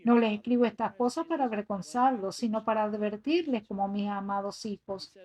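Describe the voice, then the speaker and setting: A woman's voice: mid-range voice, brisk, a little mellow. A woman giving an earnest voice-over translation of a sermon, reading scripture passages aloud. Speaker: sermon interpreter.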